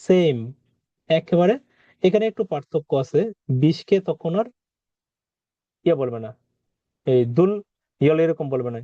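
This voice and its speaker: A man's voice: fairly high pitch, expressive, unhurried, long pauses, warm tone, no echo, highs cut off. A man teaching a vocabulary lesson, patiently repeating words and quizzing the listener. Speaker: Korean language teacher.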